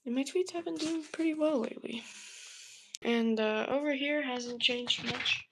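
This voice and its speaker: Brief: sarcastic woman streamer, unhurried delivery, slightly high voice, swears casually. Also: background noise. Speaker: weather streamer. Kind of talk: casual commentary while browsing.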